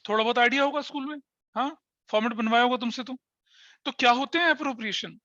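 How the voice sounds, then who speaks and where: Bright-voiced male teacher, dry lo-fi. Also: extremely high pitch, dry recording. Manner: explains step by step with frequent checking questions to students; mixes Hindi with English terms. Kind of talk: classroom lecture. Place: classroom with online students.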